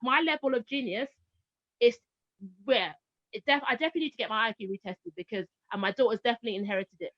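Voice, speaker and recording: A woman's voice: on the high side, fast, no room sound. A woman in her thirties from Barbados, a former teacher telling stories in a casual interview and acting out the voices she quotes. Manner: animated storyteller, acts out quoted voices. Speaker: guest, former teacher now homeschooling parent. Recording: dull lo-fi sound, dry.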